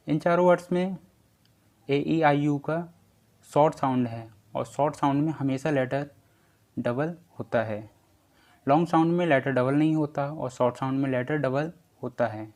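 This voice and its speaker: A man teaching an English lesson, explaining spelling rules slowly and spelling out example words one at a time. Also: mid-range voice, darkish tone.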